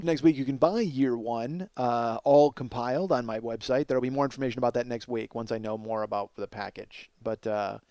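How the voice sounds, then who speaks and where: Here the podcast host, mid-range and a little mellow in voice, rambles through a casual comic monologue full of self-interruptions, profanity and self-mockery. A faint hiss or hum sits under the recording.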